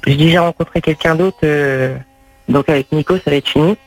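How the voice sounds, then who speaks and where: A hesitant young daughter stammers through a prank call, her voice pitched a little high, as a man puts her on. She halts constantly and pads every phrase with fillers. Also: no room sound, close to an everyday voice. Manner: hesitant, halting with many fillers.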